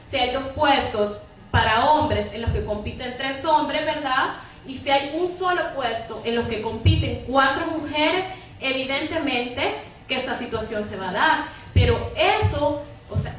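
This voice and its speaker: A woman with a high, fairly bright voice argues analytically and emphatically as a panelist at a public debate, often ending with a questioning tag in her impassioned case. The echoey hall, distant mic and background noise shape the recording.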